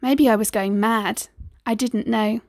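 A woman narrates a first-person story for an audiobook, reading in a measured, deliberate way. Her voice is fairly high with a gravelly, creaky edge, and the sound is dry and close. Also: fairly even intonation, darkish tone, dry recording.

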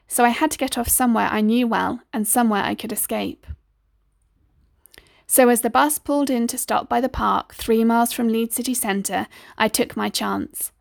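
A woman reading a first-person story aloud in a measured, deliberate way. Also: a little high, gravelly, no echo, studio quality. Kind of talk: scripted audiobook narration.

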